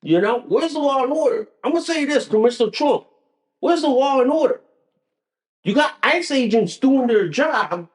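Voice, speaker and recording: A man hosting a solo podcast, ranting angrily with profanity and frequent stumbling restarts. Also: very high voice. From United States. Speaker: podcast host. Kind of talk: solo political rant.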